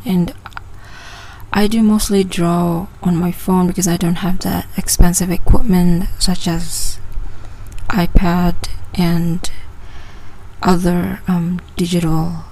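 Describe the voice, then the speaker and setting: A woman's voice: on the low side, little pitch movement, slow pace, warm tone, slight background noise, poor audio. A woman in her twenties from Malaysia, hosting a casual personal podcast and often hesitating and restarting her phrases. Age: 20s. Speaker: podcast host.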